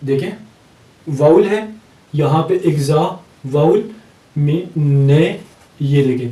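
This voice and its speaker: A male English teacher with a Pakistani accent giving a recorded lecture, explaining step by step and repeating example words slowly. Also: on the high side, dark tone. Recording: echoey room, mic at a distance.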